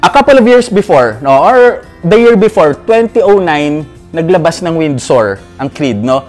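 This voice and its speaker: A middle-aged man with a rather high voice rants about perfume reviewers, blunt and swearing freely. He switches between Tagalog and English and keeps asking "no?". Faint music plays behind him. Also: animated, a little slow, darkish tone. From Philippines. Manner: tags lines with "no?". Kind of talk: casual ranting review.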